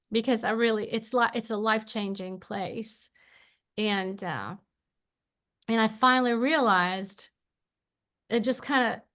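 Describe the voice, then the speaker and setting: A woman with an Appalachian twang moderating a literary panel, folksy and quick to laugh. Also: mid-range voice, fairly bright tone.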